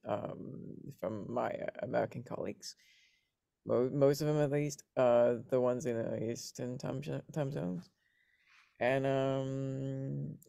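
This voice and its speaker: A man from Hong Kong introducing himself on a video call, relaxed and full of fillers. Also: mid-range voice, creaky, no echo, clean studio sound. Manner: relaxed, filler-heavy, self-correcting. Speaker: meetup participant, GSoC mentor.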